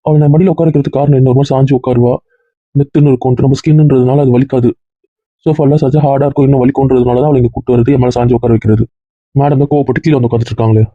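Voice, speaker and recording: A man voicing a fiercely protective young husband in a family drama, talking in a brisk, emphatic, scolding way. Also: mid-range voice, steady tone, no room sound, close to an everyday voice. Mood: firm. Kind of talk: Tamil family drama dialogue. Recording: dull dry lo-fi recording.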